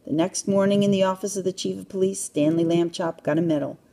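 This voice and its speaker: Husky-voiced woman reading a storybook. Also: on the low side, fast. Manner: calm, even storybook narration. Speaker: children's book reader. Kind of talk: storybook read-aloud.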